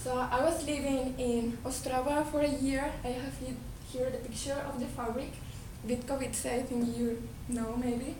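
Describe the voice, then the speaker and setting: Heard from a distance in an echoey hall over steady noise and a low rumble, a high-voiced woman with a Colombian Spanish accent presents earnestly to an audience. She talks at normal speed with few pauses, often starting her words over.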